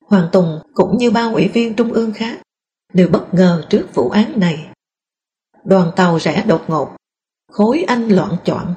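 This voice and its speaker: A woman reading a first-person memoir aloud in a calm, steady storytelling voice. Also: mid-range voice, a little slow, dull audio. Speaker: narrator.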